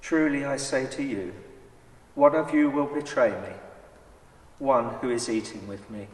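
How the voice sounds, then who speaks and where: A man playing Jesus as a solemn, measured, authoritative teacher in a dramatised church scripture reading. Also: mid-range voice, close to an everyday voice. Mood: grave. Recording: echoey church hall, far from mic.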